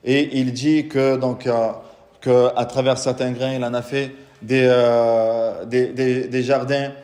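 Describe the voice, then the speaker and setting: Taking it slowly, an imam with a medium-pitched, darkish voice and little pitch movement delivers a religious lecture to a live audience. He explains patiently, asks the room questions, and recites Quranic Arabic, with the sound echoing through a reverberant hall.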